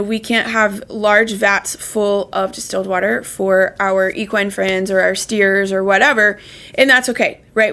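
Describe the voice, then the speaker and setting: A woman's voice: a little high, fairly bright tone. A woman, a holistic chiropractor and pet health coach hosting a show, giving casual advice in an earnest, chatty way with frequent "right?" asides.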